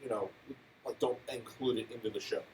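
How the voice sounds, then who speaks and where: A man's voice: lowish voice, steady tone, a little fast, a little mellow, echoey room. A man co-hosting a casual podcast, rambling through his points with lots of fillers and building to exasperated questions. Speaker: podcast co-host. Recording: distant mic, faint noise.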